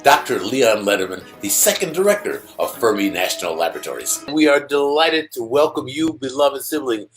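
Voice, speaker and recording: A man hosting a light-hearted science show, playful and theatrical in his wording. His voice moves lively up and down in pitch. Faint music sits behind him. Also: a little fast, few pauses. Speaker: host.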